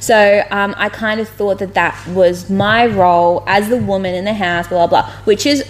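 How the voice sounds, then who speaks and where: A woman co-hosting a casual podcast chat, rambling and blunt, with plenty of swearing and animated retellings. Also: medium pitch, normal speed. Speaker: podcast co-host.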